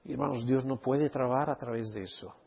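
A man's voice: mid-range voice, brisk, gravelly, slightly rough, highs cut off. A man speaking as a pastor in a Bible study sermon, emphatic, posing rhetorical questions and checking in with his listeners.

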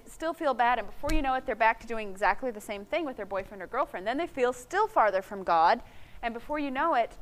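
A middle-aged woman teaching a sermon, earnest, quoting scripture and acting out quick asides. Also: fairly high pitch. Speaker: Bible teacher. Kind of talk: sermon talk.

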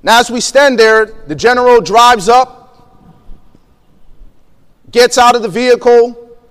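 A high-pitched man tells a story in a sermon, slipping into the voices of the people he quotes and laughing between lines. His voice rings with the long reverb of a big hall. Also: slow pace, fairly bright tone, smooth. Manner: vivid storyteller, acts out quotes, laughs often. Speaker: preacher.

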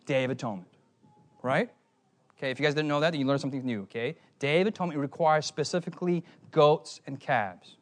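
A young man preaching a sermon, animated and often asking his listeners questions. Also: on the high side, quick pace. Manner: animated, asks the audience questions.

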